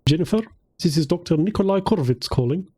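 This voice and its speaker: A man doing a brisk Russian-accented doctor. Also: on the high side, expressive, warm tone, slightly rough, pitched above the performer's own voice. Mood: businesslike. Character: middle-aged male Russian doctor, businesslike.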